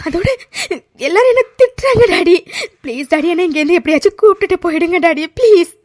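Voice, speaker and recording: In a cartoon voice-acting role, a woman plays a spoiled young woman pleading with her father, whiny and tearful. Her voice is very high and very fast, and she keeps saying "daddy."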